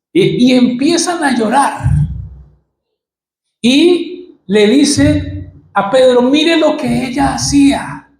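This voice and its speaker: A man's voice: sits high, a little mellow, reverberant, a little hiss or hum, low-quality recording. A male pastor with a Colombian Spanish accent preaching a sermon, acting out Bible scenes as he goes.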